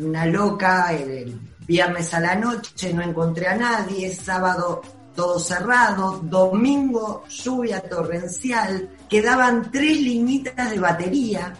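A woman with a Rioplatense Spanish accent telling an emotional radio-station anecdote in a lively, casual way. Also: mid-range voice. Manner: animated, emotional storytelling. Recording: echoey room.

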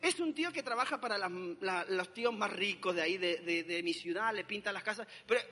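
A man's voice: high-pitched, a little fast, pushed and bright, long reverb tail. A young man, animatedly telling a dramatic personal testimony. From Argentina.

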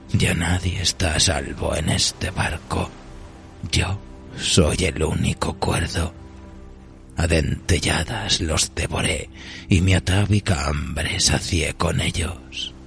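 A man reciting a dark poem as an ancient, weary, ravenous cursed treasure of the sea, slow and solemn, at times hushed. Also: low voice, vocal fry, exaggerated voice. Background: music.

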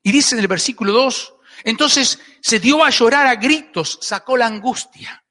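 Argentine male pastor, emphatic and repetitive preaching, high, forceful voice, long church reverb. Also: normal speed. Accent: Argentine Spanish. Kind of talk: sermon. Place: church hall. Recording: echoey church hall.

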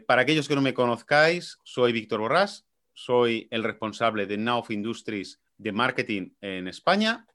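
Male podcast host, Spain accent, medium pitch, presenting to listeners. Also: expressive, moderate pace, fairly bright tone. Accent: Spain Spanish. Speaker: podcast host, marketing manager. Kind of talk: podcast introduction addressed to listeners.

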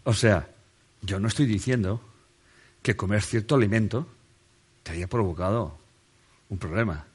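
A man's voice: fairly low pitch, measured pace, long pauses, slightly rough. A man giving a humorous motivational talk on a stage, joking with the audience, questioning them directly and laughing often. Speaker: motivational speaker. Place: stage under a spotlight before a seated audience.

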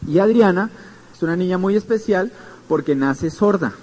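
High-voiced Colombian man, motivational speaker. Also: animated, moderate pace, darkish tone, slightly rough, rough recording. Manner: earnest storytelling, addresses listeners directly with tag questions. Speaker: business seminar speaker. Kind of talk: motivational seminar talk.

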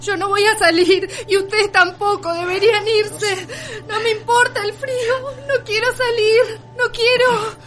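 A woman's voice: very high-pitched, fairly even intonation, unhurried, few pauses, fairly bright tone. An actress playing a terrified asthmatic woman who pleads and sobs breathlessly in a radio drama. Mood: sobbing panic. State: crying. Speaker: actor.

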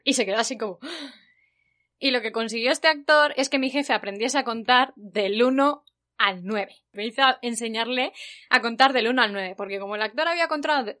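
Woman, from Spain, Spain Spanish accent, podcast host, casual storytelling, animated, slightly high voice. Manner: chatty, animated, acts out quoted voices.

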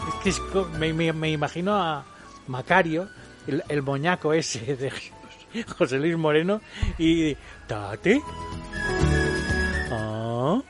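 A man's voice: fairly high pitch, a little slow, over music. A man, telling a comic anecdote on a radio show in an exaggerated, theatrical way and acting out the voices. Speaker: co-host.

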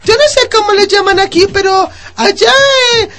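A woman's voice: very high voice, steady tone, moderate pace. A woman voicing a flirtatious, boastful rug-seller man, rambling and stammering crudely in a comedy radio sketch.

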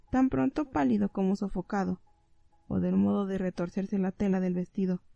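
Dark-toned woman narrating an audiobook. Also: mid-range voice, vocal fry, dry recording, highs cut off. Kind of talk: scripted narration.

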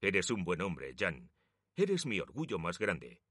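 A man voicing a frail old father who gently consoles his son, with a lively, low voice. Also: takes it slowly, no room sound, studio quality, heavily acted. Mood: tender.

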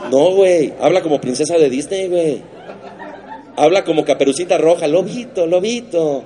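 A man's voice: on the high side, fairly quick, warm tone, some chatter behind. A man with a Mexican Spanish accent hosting a comedy show, riffing crudely on the week's news and swearing constantly. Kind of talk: stand-up news monologue.

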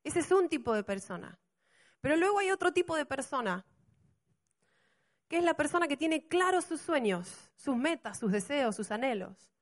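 Animated woman pastor preaching. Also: high voice. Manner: animated preaching with rhetorical questions. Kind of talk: sermon.

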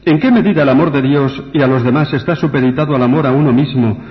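A man's voice: medium pitch, quick pace. A man, a priest, telling a story on the radio and then answering questions. He tells it with animation and acts out the people he quotes. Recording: dull radio recording with long reverb.

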